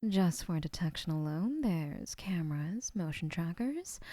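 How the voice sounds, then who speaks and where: An actress voices a gentle, obsessive young yandere woman in an audio roleplay, speaking in soft, hushed murmurs. Her pitch is fairly low, and the clean studio recording has no echo.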